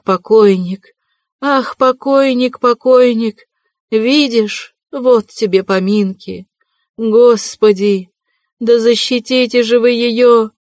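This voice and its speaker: Охрипшая, надрывно кричащая отчаявшаяся вдова, которую изображает чтица: голос срывается высоко, мольбы звучат лихорадочно. Запись сухая, студийная, без эха. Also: female voice, no room sound. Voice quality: hoarse, shrill crying. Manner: frantic pleading shouts. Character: desperate consumptive poor widow, shrill. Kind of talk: audiobook reading.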